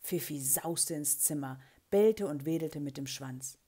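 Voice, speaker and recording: Low, breathy woman reading a storybook. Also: unhurried. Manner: expressive, lively character voicing in quotes. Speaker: children's book reader. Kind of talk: reading a children's story aloud.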